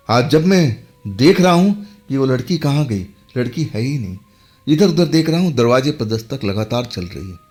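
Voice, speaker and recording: A man telling a first-person horror story in a dramatic, emphatic way, with sudden jumps in his voice. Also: medium pitch.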